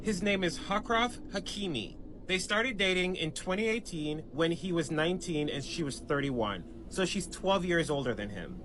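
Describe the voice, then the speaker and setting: A man narrating a gossip story in a brisk short-video style. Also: sits high, expressive, background noise.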